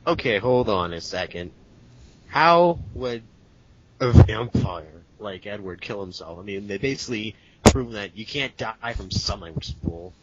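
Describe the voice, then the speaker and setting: A man's voice: lowish voice, normal speed, highs cut off. A young man chiming in with jokes and questions during a casual chat, recorded at home. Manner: joking interjections.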